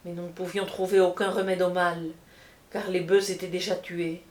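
Female audiobook reader for an epic: low-leaning, measured, solemn; room echo audible. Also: level tone, darkish tone. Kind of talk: scripted narration of an epic. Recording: roomy echo.

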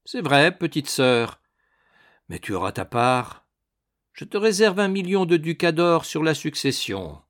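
A man reading an audiobook, voicing a bold, power-hungry young prince who talks in a boastful, excitable way. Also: on the high side, measured pace, voice pushed up. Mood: scheming.

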